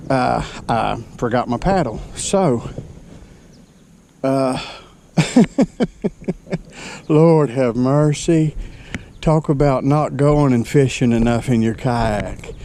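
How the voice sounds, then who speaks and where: At a lake boat landing, a kayak fishing vlogger films a casual outdoor vlog, out of breath, exasperated and poking fun at himself while often calling on the Lord. His voice is mid-range and warm, with a little hiss or hum.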